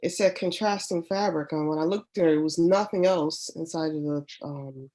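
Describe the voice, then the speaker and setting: Stuffed up lady w lowish voice, lax n halting, just chatting. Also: mellow. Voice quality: congested, stuffy-sounding. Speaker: sewing group member showing her projects. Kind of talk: casual chat.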